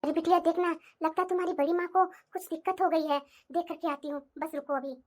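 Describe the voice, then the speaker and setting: Woman doing a gentle older mother-in-law. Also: extremely high pitch, steady tone, fast talker, voice pushed down. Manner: gentle, soft-spoken.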